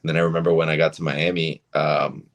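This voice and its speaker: A man from Argentina whose first language is Spanish speaks in a very deep voice with a fairly flat melody. He tells stories in a relaxed, casual way, often pausing on fillers. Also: gravelly. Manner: relaxed, storytelling, many fillers. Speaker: actor, interview guest. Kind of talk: casual interview.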